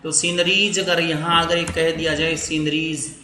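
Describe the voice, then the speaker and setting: A man teaching an English grammar lesson who slowly dictates his example sentences word by word. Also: a little high, little pitch movement, bright, forceful tone, reverberant.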